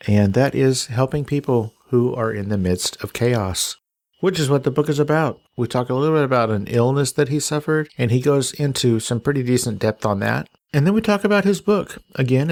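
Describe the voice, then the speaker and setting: A man's voice: mid-range voice, animated, a little mellow, dry recording. A man from Texas hosting a podcast interview, asking questions in a casual, teasing way and cracking jokes. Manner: joking, teasing, fast questions. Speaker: podcast host.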